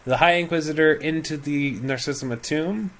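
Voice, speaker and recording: A man's voice: a little high, normal speed. A man acting as game master of a tabletop game over a call, explaining lore with many fillers.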